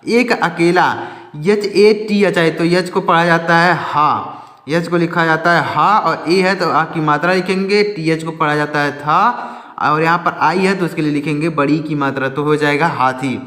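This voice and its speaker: A man teaching a slow reading lesson, spelling words out letter by letter, asking and answering his own questions and often correcting himself. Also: on the high side, steady tone, sharp tone, echoey room, long reverb tail.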